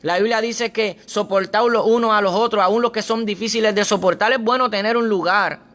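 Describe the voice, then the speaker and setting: A man's voice: high-pitched, steady tone, a little fast, a bit bright. A man preaching a sermon, earnestly reading scripture aloud and pressing his points with repeated phrases.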